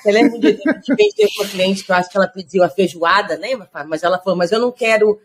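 A woman from Brazil who co-runs a food truck, joining the interview chat and telling animated stories in which she quotes her customers. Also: mid-range voice, rapid-fire.

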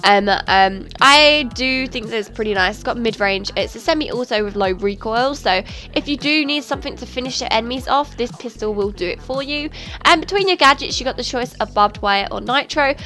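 High-voiced woman with a stuffy nose. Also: normal speed, sharp tone. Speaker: video game tutorial host. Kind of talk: casual gaming tutorial commentary. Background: music.

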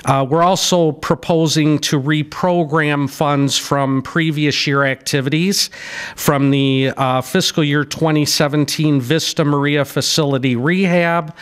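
At a public hearing in an indoor city council chamber, a middle-aged man on city staff reads budget numbers off his notes at a podium microphone, stumbling into "uh"s and starting over at times. He speaks a little slowly, with a clean, somewhat high voice and fairly even intonation.

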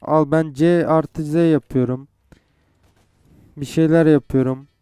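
A man's voice: a little high, steady tone, takes it slowly, dark tone, clean tone, dry recording. A young man playing a game and commenting, frustrated and swearing as he goes. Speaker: gamer. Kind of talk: gameplay commentary.

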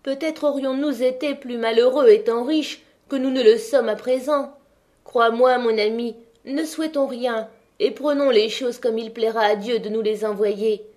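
A woman voicing a vain, quick-tempered peasant wife with a raised, emphatic voice. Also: fairly high pitch, darkish tone, natural voice. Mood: wise.

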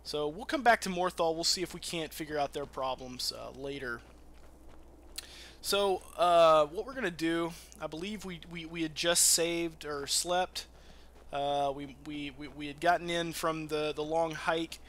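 A gaming channel host gives informal, sweary let's-play commentary that wanders casually as game music plays. He speaks unhurriedly in a voice that is a little high and a bit bright.

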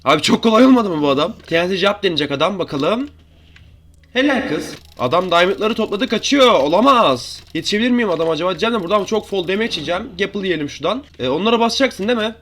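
A young man giving chatty, excitable live commentary over his own gameplay as a gaming YouTuber, talking to viewers and opponents. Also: high voice, fast. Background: keyboard and mouse clicks.

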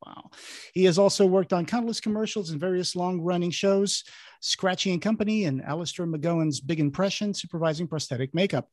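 A man in his thirties from Portugal hosting a podcast over a headset, halting with many fillers. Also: high-pitched, darkish tone, no room sound, studio quality. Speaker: podcast host. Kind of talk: casual video-call chat. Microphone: headset over video call.

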